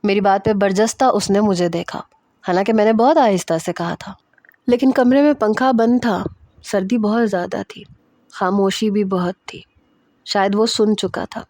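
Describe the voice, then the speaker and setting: A woman reads a first-person romance story in a steady, even voice of middling pitch. The sound is dry and close, with no room echo at all. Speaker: story narrator.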